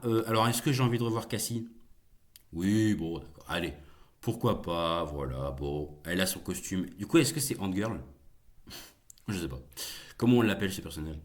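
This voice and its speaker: A young man hosting a casual solo video, chatty and jokey with viewers, rambling with many fillers and restarts. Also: low-pitched. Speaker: YouTube host reacting to film news.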